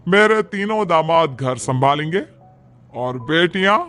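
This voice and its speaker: A man's voice: a little high, animated, measured pace, over music. A man voicing a bossy mother-in-law. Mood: stern. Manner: scolding, commanding. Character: strict bossy middle-aged mother-in-law. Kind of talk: cartoon voice acting.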